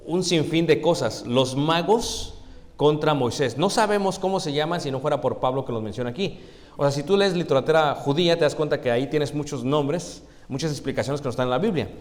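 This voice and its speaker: A male preacher gives a folksy, conversational sermon, calling the congregation brothers and asking them questions. His mid-range voice rings out with a long reverb from the church hall. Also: mid-range voice. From Mexico. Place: church sanctuary.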